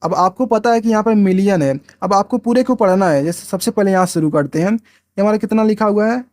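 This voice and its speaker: Man, maths lesson, high voice, dry close recording, repeats and quizzes himself. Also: a little fast, a little mellow, no echo. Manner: repeats himself, asks and answers his own questions. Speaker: maths teacher. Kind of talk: explaining at a board, step by step.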